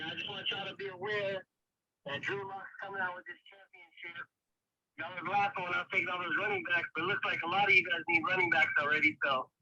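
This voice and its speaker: A man's voice: high voice, pushed and bright, no echo. A man calling in on speakerphone as a guest caller, chatting casually and hedging with "I mean" between thoughts. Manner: laid-back, hedging with "I mean". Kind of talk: casual chat. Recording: thin phone line on speaker.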